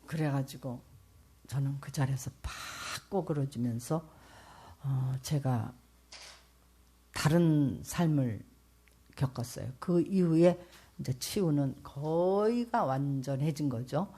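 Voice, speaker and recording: An older woman from South Korea giving an earnest church testimony as a pastor's wife, speaking straight to the audience and swinging between loud and soft. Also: very deep voice, slow, a little hiss or hum. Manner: earnest, addresses the audience directly.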